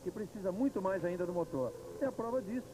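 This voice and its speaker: Brazilian male racing analyst, high voice, heavy noise. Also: expressive, fast. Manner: explanatory, reasoning point by point. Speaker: motorsport analyst commentator. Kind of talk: live technical racing analysis. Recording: very noisy 1990s TV broadcast.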